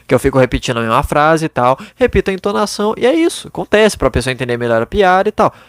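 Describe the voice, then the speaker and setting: A man's voice: fairly high pitch, sing-song, quick pace, clean tone, dry recording, clean studio sound. A young man hosting a podcast from his bedroom, giving blunt, casual advice into a microphone and swearing freely. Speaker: podcast host.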